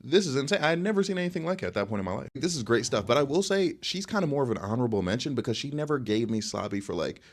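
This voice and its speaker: A man's voice: mid-range voice, lively intonation, very fast, few pauses. A young man telling a casual storytime monologue, chatty and loose, tagging nearly every sentence with "okay?" and filling gaps with "like". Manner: chatty, repeats "okay?" and "like" constantly. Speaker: storyteller vlogger.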